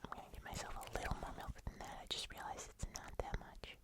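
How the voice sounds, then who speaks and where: Close to the microphone, a host of an ASMR eating clip speaks to viewers in soft, breathy whispers without voice, sounding laid-back, talkative and in no rush.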